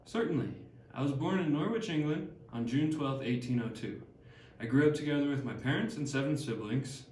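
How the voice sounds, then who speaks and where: Harriet Martineau, read flatly by a young man. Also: on the high side, brisk, a little hiss or hum, lightly acted. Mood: measured. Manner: reads plainly with small stumbles. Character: Harriet Martineau, older woman, learned traveler. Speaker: student actor. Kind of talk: amateur class skit read from script. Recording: echoey room, distant mic.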